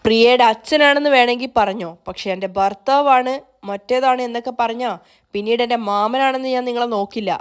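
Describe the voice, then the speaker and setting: A proud young mother in a retold serial drama, sharp-tongued and indignant, as a woman narrator reads her. Her slightly high voice stays near the narrator's own. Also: a little fast, clear, resonant tone, lightly acted. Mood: angry.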